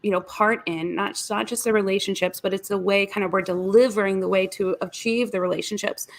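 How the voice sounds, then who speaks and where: A woman co-hosting a casual video-call chat, talkative and quick to laugh, with rambling asides. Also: mid-range voice, steady tone. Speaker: podcast co-host.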